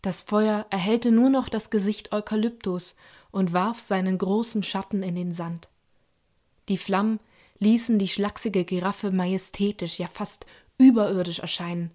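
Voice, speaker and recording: A woman narrating a children's bedtime story in a calm, soothing way. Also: medium pitch, moderate pace. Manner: calm and soothing, voices characters lightly.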